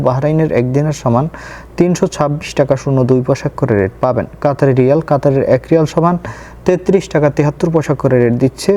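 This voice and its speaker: A man hosts a daily currency-rate video, running through figure after figure in a scripted readout. His voice sits a little high but stays dark and mellow. He reads at a brisk clip. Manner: rapid list-like reading of figures.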